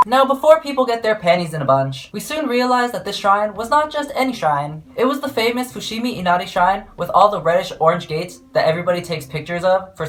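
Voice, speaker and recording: A woman's voice: medium pitch, fairly bright tone. A young woman narrating her travel vlog in a playful, jokey, self-mocking way. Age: young adult. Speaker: vlogger.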